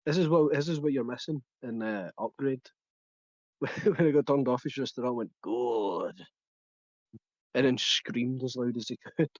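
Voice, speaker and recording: A man's voice: medium pitch, normal speed, dry recording, dull audio. A man co-hosting a podcast, chatting about films, often laughing and searching for the right words. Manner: chatty, laughs while telling, hunts for words. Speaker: podcast co-host. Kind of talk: casual film chat.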